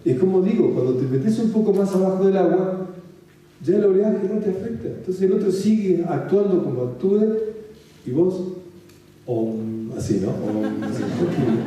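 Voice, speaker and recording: A man with a Rioplatense Spanish accent gives a calm spiritual talk, repeating his points and asking listeners if they follow. His voice is very dark and mellow. It rings out in a strongly reverberant room, picked up from a distant mic. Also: sits high, moderate pace, slight background noise. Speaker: spiritual speaker. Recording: very echoey room, mic far off.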